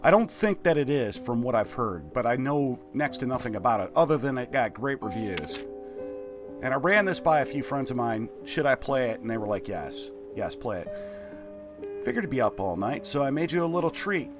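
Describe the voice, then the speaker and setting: A man's voice: medium pitch, animated, moderate pace. Male streamer with a slushy lisp, mid-range voice, casual joking asides over music. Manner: jokey, muttering asides to himself. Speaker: video game streamer. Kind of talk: casual let's-play commentary, reading in-game notes aloud.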